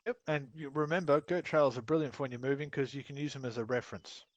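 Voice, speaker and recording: A blunt man leading a game training session over a headset, casual and full of swearing. His voice sits at a middle pitch and sounds dry and close, with no room around it. He slips into quick quoted lines as he explains. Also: fairly even intonation, no echo. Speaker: training instructor. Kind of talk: casual voice-chat instruction.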